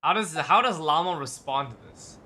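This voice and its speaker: Bright-voiced man, casual streamer. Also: fairly high pitch, animated, moderate pace, a little hiss or hum. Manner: informal, slangy, swearing. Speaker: livestreamer. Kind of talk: casual live reaction commentary. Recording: faint music behind the voice.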